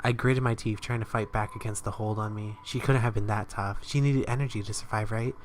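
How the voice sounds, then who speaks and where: A man's voice: lowish voice, fairly even intonation, fairly quick, slight background noise. A man playing through a visual novel, reading the narration aloud and breaking off for joking asides. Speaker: let's player.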